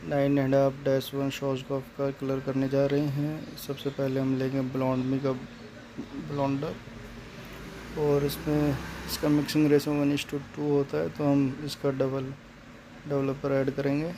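A man walks through a salon color job one step at a time. His voice is mellow and stays almost perfectly level. He goes over each step again as he talks, and a faint room hum sits behind him. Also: mid-range voice, completely flat delivery, measured pace. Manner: plain, explanatory, repeats steps. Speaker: hair colorist. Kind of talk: step-by-step salon tutorial narration.

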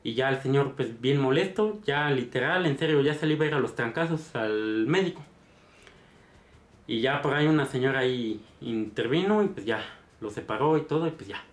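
A man's voice: medium pitch, animated, moderate pace. A man with a Mexican accent, casually retelling a story in a chatty, meandering way. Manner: chatty, meandering, tag questions. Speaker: vlogger. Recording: roomy echo.

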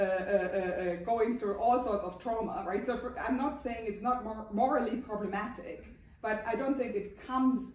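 A woman from Germany with a German accent gives an explanatory panel talk, halting at times and checking in with listeners as she goes. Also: mid-range voice, darkish tone. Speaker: academic panel speaker. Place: mid-sized wood-panelled conference room, indoors. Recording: echoey room, distant mic, faint noise.

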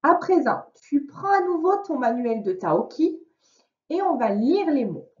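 A woman's voice: high-pitched, big pitch swings, measured pace. A woman teacher giving a patient reading lesson to a young child, sounding out words syllable by syllable. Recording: roomy, distant, dull lo-fi sound.

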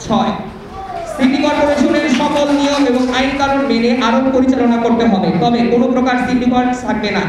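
A man's voice: extremely high pitch, fairly quick, very echoey, distant mic, noisy background. A young man reading out a numbered list of demands steadily into a handheld mic at an indoor meeting. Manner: steady listing of numbered points.

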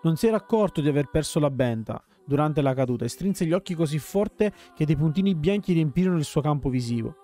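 A man reading a dark game story aloud in a measured, grave storytelling manner. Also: on the high side, expressive. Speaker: let's player reading story text.

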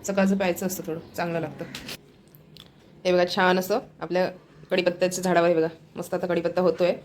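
A woman's voice: fairly low pitch, little pitch movement, quick pace, darkish tone, a little hiss or hum. A woman casually narrating a family home vlog from her kitchen, chatty and always pointing things out. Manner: chatty, keeps saying look here, coos at her pet. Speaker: family vlogger.

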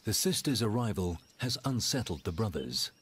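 Male wildlife narrator, low voice, scripted storytelling, measured dramatic pauses, animal ambience behind. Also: very animated, a little hiss or hum. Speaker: documentary narrator.

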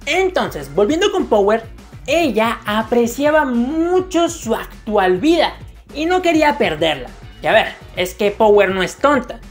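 Give me a woman with a fairly high voice giving crude, jokey anime commentary over soft music. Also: sing-song, unhurried. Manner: slangy, jokey, crude humor. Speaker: anime video essayist. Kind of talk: casual commentary narration. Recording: faint music under the voice.

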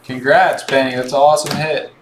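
A man hosting a live card break, calmly calling out each card as he opens packs and chatting with viewers. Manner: slow, low-key calling of cards while chatting to viewers. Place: indoor room with card boxes on a table. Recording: echoey room with faint background noise.

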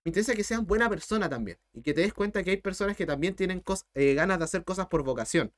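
A man's voice: high-pitched, animated. A young man in his twenties with a Chilean accent, a math tutor talking bluntly and passionately to his livestream chat. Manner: blunt, impassioned, talks fast.

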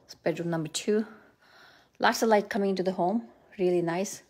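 A medium-pitched, slightly mellow voice moving fairly quickly belongs to a middle-aged real estate agent. She holds a phone as she tours a house indoors, speaking casually and without a script while upbeat about everything she points out.

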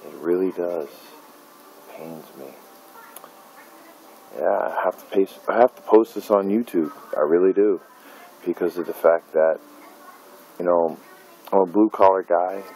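Late at night in a dim room, a middle-aged indie filmmaker vents angrily into a phone camera held close, cursing and using many fillers in a bitter personal vlog. His low-pitched voice is mellow and steady, slow and full of pauses, and the poor audio has a little hiss or hum.

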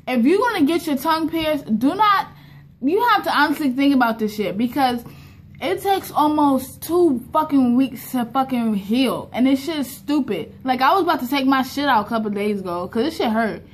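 High-voiced young woman, tongue-piercing lisp. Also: lively intonation, moderate pace. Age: young adult. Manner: slightly impeded, lisping speech from a fresh tongue piercing. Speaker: vlogger. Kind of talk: casual, profane vlog chat. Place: indoors in a kitchen. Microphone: phone at arm's length. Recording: clear background room noise on phone recording.

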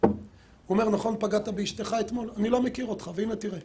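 A middle-aged man, a rabbi, giving a sermon and telling a story, acting out the quoted dialogue with lively voices. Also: high voice, slight background noise. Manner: animated storyteller who acts out quoted dialogue.

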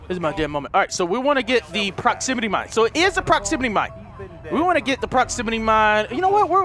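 A man hosting a gaming video, giving frantic gameplay commentary, excitable, shouting and cursing at the game. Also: extremely high pitch.

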